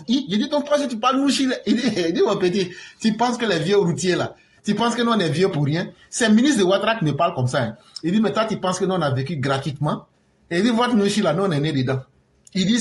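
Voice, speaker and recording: A man with an Ivorian French accent, a political commentator who retells conversations in lively storytelling and slips in street slang. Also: sits high, reverberant.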